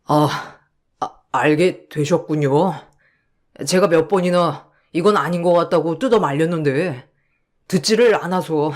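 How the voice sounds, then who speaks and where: A man's voice: a little high, a little slow, close to an everyday voice. A man voicing a husband's friend who hesitantly and sheepishly apologizes. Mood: apologetic.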